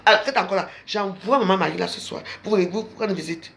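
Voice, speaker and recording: A woman's voice: a little fast, creaky, a little hiss or hum. Preachy woman ranting on stream. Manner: repetitive, preachy, swings between low murmurs and loud high outbursts. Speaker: live-stream host. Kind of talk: ranting live-stream monologue to viewers.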